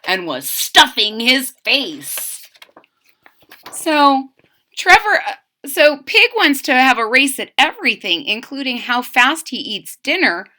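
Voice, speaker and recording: Reading a children's picture book aloud, a woman speaks directly to young listeners in an expressive, sing-song way. Her voice is high and her pace slow.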